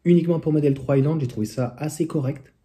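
Man, very dark mellow voice, casual product review, hesitant, lots of fillers. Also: a little high, quick pace. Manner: chatty, hesitant, many fillers and restarts. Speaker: electric car vlogger.

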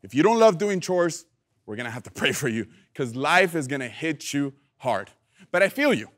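Animated young man preaching to youth. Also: high-pitched. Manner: animated, playful, calls for audience response. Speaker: youth pastor. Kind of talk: youth sermon.

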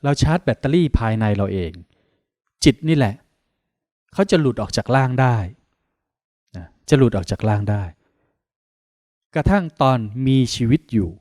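A man from Thailand, a Buddhist monk, leading a guided meditation in slow, calm, soothing instructions with pauses. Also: mid-range voice, dry recording, clean studio sound.

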